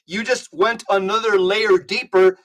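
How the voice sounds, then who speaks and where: Appearing as a guest on a laid-back podcast, a high-voiced man shares his stories. His delivery is emphatic and animated, though he never rushes.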